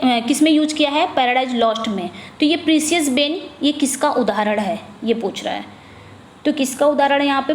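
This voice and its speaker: High-voiced Indian woman tutoring in an echoey room. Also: a little hiss or hum. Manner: asks and answers her own questions; reads questions slowly, drops low on answers. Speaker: English exam tutor. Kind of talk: exam-prep lesson in Hindi-English mix.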